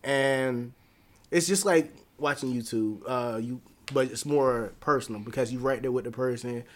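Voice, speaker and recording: A laid-back man talks loosely, full of "uh"s and street slang. His voice sits at an ordinary middle pitch, and he speaks in a relaxed, unhurried way. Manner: relaxed, rambling, many fillers and slang. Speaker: dancer, interview guest. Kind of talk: casual conversation.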